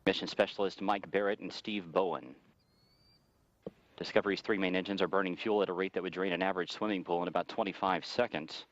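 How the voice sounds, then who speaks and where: A very low-voiced American man reports as a mission control radio commentator. He moves quickly through flight status and figures in a formal, factual manner. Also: fairly even intonation, highs cut off.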